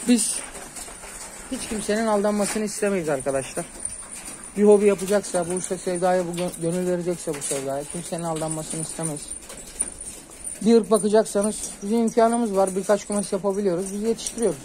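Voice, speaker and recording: A pigeon keeper films himself on a rooftop with his phone, talking to viewers in a casual, earnest vlog style and offering advice. His voice is high-pitched and steady, his pace brisk, and the recording rough. Now and then he calls his pigeons with soft hisses.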